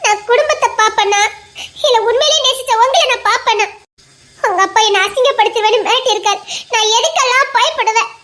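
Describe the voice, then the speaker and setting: A woman's voice: very high voice, fairly quick, a bit bright. A woman with a Tirunelveli Tamil accent playing a young female college student who laments her lost future through tears. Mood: bitter. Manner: tearful, lamenting. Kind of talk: audio drama acting.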